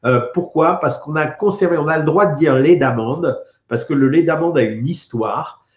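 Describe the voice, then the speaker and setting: A man's voice: fairly high pitch, moderate pace. A man, a doctor answering viewer questions on a casual live stream, reassuring and chatty as he reads out comments and replies. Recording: echoey room, dull lo-fi sound.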